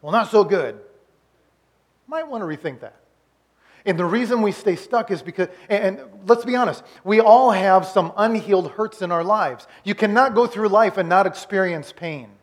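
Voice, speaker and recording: A pastor in his forties gives a conversational sermon recap, often restarting and repeating words and putting on voices for quotes. His voice sits high and sounds expressive, and he speaks at normal speed.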